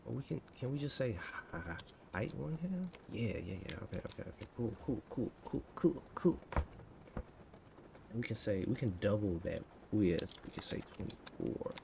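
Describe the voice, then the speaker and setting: A man's voice: fairly low pitch, moderate pace, vocal fry. A man in his thirties livestreaming while he codes, thinking aloud in half-finished, muttered phrases. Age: 30s. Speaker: coding livestreamer. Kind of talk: casual livestream chat while coding. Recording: steady background noise.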